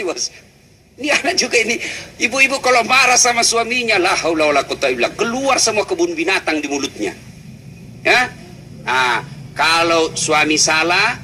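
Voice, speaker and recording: Middle-aged man preaching with humor and teasing; bright, punchy delivery, faint noise behind. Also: fairly high pitch. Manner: animated, teasing, swings into acted voices. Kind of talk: humorous sermon.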